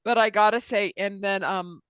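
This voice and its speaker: A woman's voice: medium pitch, fairly even intonation, normal speed, a bit bright, smooth, dry recording. A middle-aged woman co-hosting a casual chat, telling candid, self-deprecating stories and laughing as she talks. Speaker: co-host.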